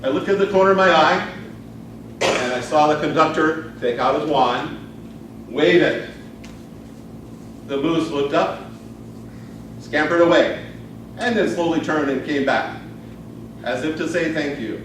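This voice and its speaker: Telling a tall tale as a speech contestant, this man uses a fairly high, fairly bright voice and a theatrical, measured delivery full of pauses. The live recording in the spacious indoor venue was picked up by a distant camera microphone, so it sounds echoey and noisy, with audience laughter and room ambience.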